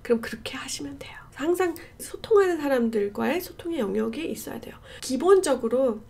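A woman's voice: high voice, lively intonation, fairly quick, creaky, warm tone, slightly rough. A woman teaching English pronunciation in a video lesson, repeating words for drilling and mixing English into her talk.

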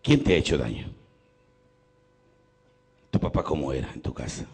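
Gravelly Mexican priest preaching. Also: male voice, a bass voice, expressive, normal speed. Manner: preaches to a congregation and swings between loud emphasis and quiet, intimate questions; acts out the people in his stories. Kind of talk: sermon with storytelling.

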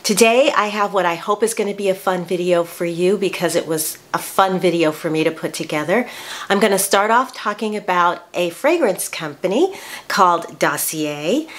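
A woman in her sixties hosting a casual product review vlog from a bedroom, chatty and prone to restarting her sentences. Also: lowish voice. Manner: chatty, with frequent restarts and self-corrections. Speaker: beauty vlogger. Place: small bedroom, indoors.

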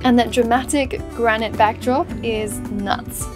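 A woman's voice: a little high, fairly even intonation, unhurried. A woman narrating her travel vlog in a casual, upbeat, explanatory voice-over. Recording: music bed under voice.

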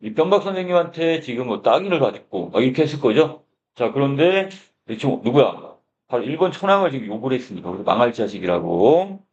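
Male teacher, reading a story aloud and explaining it, asks the class questions, middle-pitched voice, muffled lo-fi sound. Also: sing-song, quick pace, darkish tone. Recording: dull lo-fi recording.

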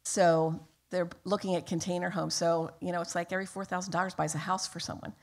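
Low-voiced woman giving an earnest church report. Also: little pitch movement, a little fast. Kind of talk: church announcement. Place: church sanctuary.

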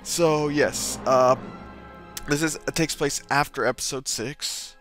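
A man's voice: fairly high pitch, fairly even intonation, slow, a bit bright, soft background music. A man hosting a let's play, giving casual gameplay commentary in a rambling, hesitant way with many restarts.

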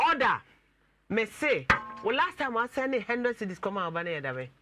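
A woman hosting a studio talk show, animated and chanting catchphrases. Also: medium pitch, normal speed, music in the background. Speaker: host.

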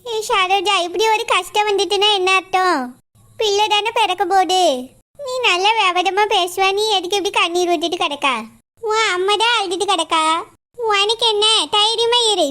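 A woman's voice: extremely high pitch, steady tone, moderate pace, sharp tone, voice pushed down. A woman voicing an old village grandmother in a cartoon who scolds the family bluntly. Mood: scolding. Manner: scolding, matter-of-fact.

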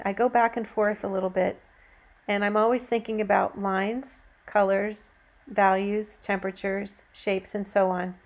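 A female instructor talks through a painting demonstration at a medium pitch. Her teaching style is gentle and encouraging.

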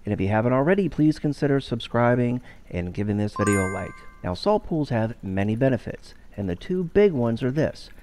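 A middle-aged man giving a steady, explanatory instructional voice-over as a pool care instructor. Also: medium pitch, a little fast, few pauses, slight background noise.

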